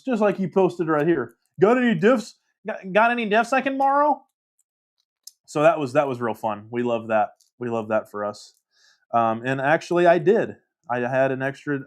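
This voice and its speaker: A man casually hosting a livestream, reading viewer comments aloud and rambling with self-deprecating laughs. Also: mid-range voice. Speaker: livestream host.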